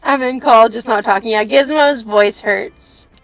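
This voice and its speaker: A woman's voice: a little high, unhurried, no room sound, faint music behind, poor audio. A woman chatting casually as a streamer, scattered and giggly, often talking to herself. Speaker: streamer playing and voicing a game with friends. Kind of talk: casual chat.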